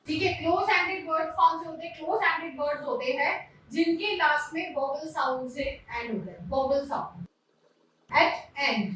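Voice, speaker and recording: A woman's voice: high-pitched, a bit bright, slight background noise. A woman teaching linguistics, explaining step by step and asking her class rhetorical questions. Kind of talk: classroom lecture mixing Hindi and English. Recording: very echoey room, voice from a distance.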